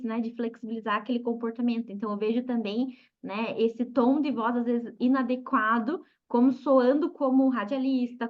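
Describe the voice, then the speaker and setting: A Brazilian woman with a somewhat high voice hosts an interview, thinking aloud and tagging sentences with "né?". Her audio is dull and lo-fi, like a video call. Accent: Brazilian Portuguese. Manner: frequent "né?" tag questions, reflective. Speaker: host, psychologist. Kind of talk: interview conversation.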